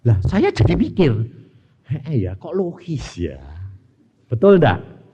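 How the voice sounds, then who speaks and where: A man preaching a sermon with a Javanese accent, telling a story and acting out the dialogue with lively shifts. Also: on the high side, takes it slowly, breathy edge, highs cut off. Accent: Javanese Indonesian. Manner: animated storytelling, switching into dialogue voices. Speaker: pastor. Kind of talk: sermon with acted-out anecdote.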